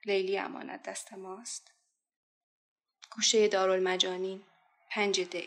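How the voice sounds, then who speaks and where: A woman talking about a song and then reciting its lyrics in a soft voice that sinks almost to a whisper on the saddest lines. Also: mid-range voice, flat delivery.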